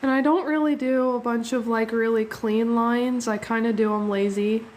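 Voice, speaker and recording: Her voice sits on the high side with a steady, darkish tone at a moderate pace, and a little hiss or hum runs through the audio. She's a young art livestream host, slightly sniffly with a cold, drawing and chatting casually, thanking viewers and laughing readily.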